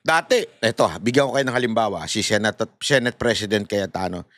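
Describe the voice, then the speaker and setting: A middle-aged man with a Filipino accent giving animated, casual political commentary and laughing as he talks to his viewers. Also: fairly low pitch, a little fast, no echo.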